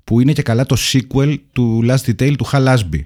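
Relaxed man in casual podcast chat. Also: medium pitch. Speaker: podcast co-host.

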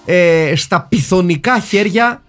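A man hosting a chatty film podcast with a somewhat high voice. He talks in a theatrical, joking way, with soft music playing in the background. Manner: jokey, theatrical, mixes in English phrases. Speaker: podcast host. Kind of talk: casual comedic film chat.

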